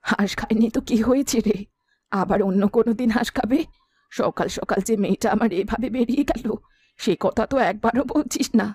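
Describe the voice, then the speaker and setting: A woman's voice: on the high side, a little fast, a little mellow, husky, no echo. A woman voicing a chiding cartoon village elder. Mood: sympathetic. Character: middle-aged village woman, sympathetic elder.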